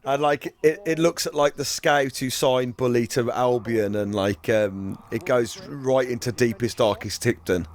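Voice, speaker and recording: A man's voice: mid-range voice, unhurried, few pauses. An enthusiastic man co-hosting a casual watch-along chat, laughing often and stumbling over restarts. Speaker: podcast co-host.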